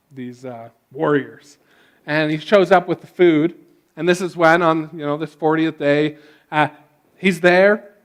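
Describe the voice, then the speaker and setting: High-voiced guy preaching a sermon, chatty and loose, lots of restarts. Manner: casual storytelling with many restarts. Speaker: pastor.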